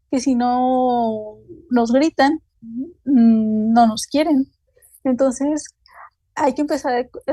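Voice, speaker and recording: In a recording without echo, a seminar speaker with a Mexican Spanish accent loosely reads an academic talk in a rather high, mellow voice. Her delivery halts often, padded with fillers such as "eh" and "este."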